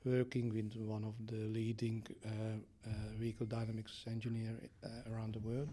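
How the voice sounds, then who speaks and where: A man in his sixties, originally from Hungary, speaking with a Hungarian accent as a guest engineer in a casual interview, measured and hesitant with frequent filler sounds. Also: fairly low pitch, completely flat delivery, mellow.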